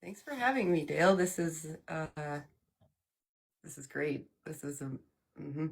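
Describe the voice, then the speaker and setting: A woman's voice: low voice, animated, measured pace, creaky, slightly rough, exaggerated voice. A woman channeling the male god Apollo in a live interview, talking in a loose, jokey way with laughs between phrases. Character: playful trickster sun god Apollo, male, cheerful and upbeat.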